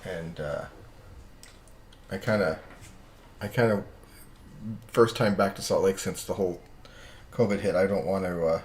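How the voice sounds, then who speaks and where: A lower-pitched man rambles through a relaxed live-stream chat, restarting sentences and chuckling as he goes. His voice rings in an echoey room with a faint hum underneath. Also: measured pace, long pauses. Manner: rambling, self-interrupting, chuckles often.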